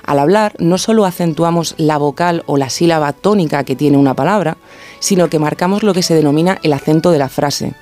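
A man explains things on a radio show in a fairly high voice. He talks like a teacher, laying out points in order. Soft music plays quietly behind him. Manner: didactic, carefully paced explanations. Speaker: radio language contributor. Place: radio studio.

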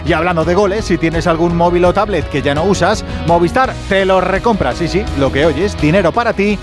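Male Castilian radio host, high voice, very quick upbeat sports presenting over prominent music. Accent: Castilian Spanish. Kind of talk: upbeat live sports presenting with sponsor reads.

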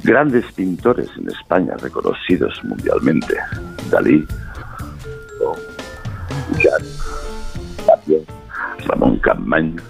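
A pompous foreign traveler from a told joke, as a man puts him on. His voice sits extremely deep with a gravelly rasp, and he rattles off fact after fact in stiff, broken phrases. Faint music plays underneath. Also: huge pitch swings, slow, pauses often, full character voice. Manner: stiff broken speech reeling off lists of facts.

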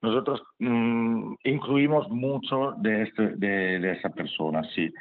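A man with an Italian accent answers interview questions in a second language. His voice is fairly low and his pace very slow, with many hesitations as he searches for words. The sound is thin and narrow, like a phone line. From Italy, Bergamo area. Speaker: member of an amateur football club, interview guest.

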